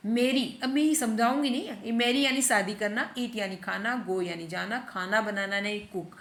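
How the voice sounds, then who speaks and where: A woman teaching spoken English. She says each example sentence slowly, explains it in Hindi, and keeps checking that her students follow. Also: medium pitch, fairly bright tone, reverberant. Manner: repeats phrases and asks rhetorical checks.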